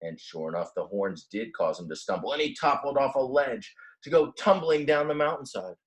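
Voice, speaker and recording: A medium-pitched man reads a children's book aloud at a moderate pace, expressive like a teacher. He stops now and then for simple, casual asides that explain words in plain terms.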